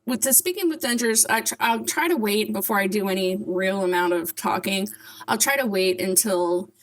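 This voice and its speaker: A woman's voice: medium pitch, normal speed, poor audio. A woman talking casually to camera in a vlog, articulating carefully around dentures, with a slight lisp and hard, whistling S sounds. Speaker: vlogger.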